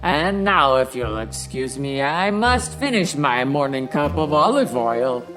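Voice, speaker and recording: A woman voicing a Greek yacht captain, a man, in a put-on thick Greek accent, slow and mock-formal. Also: extremely low pitch, sing-song, over music, voice pushed down, exaggerated voice.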